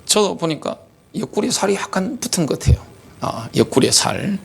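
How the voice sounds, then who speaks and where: A man's voice: sits high, big pitch swings, brisk, creaky, husky. A middle-aged man, a pastor, preaching a sermon animatedly with many rhetorical questions. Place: church sanctuary.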